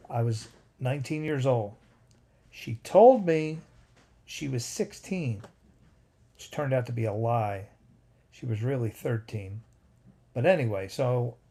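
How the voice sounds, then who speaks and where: A man in his fifties hosts a livestream from home, his medium-pitched voice gravelly yet mellow. He wanders through a personal story, breaking off now and then to greet chat viewers by name.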